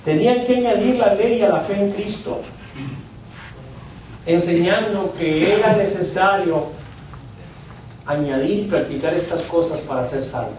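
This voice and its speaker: A man preaching a sermon as pastor, with pauses, letting his voice drop at the ends of lines. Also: high voice, a little mellow, a little hiss or hum. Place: church hall. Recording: very echoey church hall from far off.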